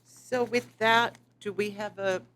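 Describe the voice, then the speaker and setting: A woman chairing a board meeting, running motions and votes in a brisk, procedural way. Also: mid-range voice, fairly even intonation, fairly bright tone, a little hiss or hum.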